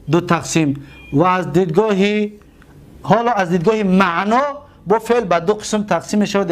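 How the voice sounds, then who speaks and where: A male teacher with a Tajik accent gives a grammar lesson, repeating words slowly and asking questions that he answers himself. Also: high voice.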